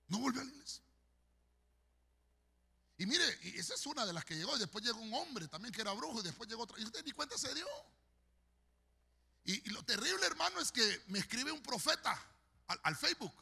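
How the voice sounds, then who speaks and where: A man's voice: extremely high pitch, very animated, a little fast, vocal fry, pauses often, sharp tone, slightly rough, in a large hall. A man preaching a sermon as pastor, fervent and storytelling, addressing the congregation directly. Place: large church hall.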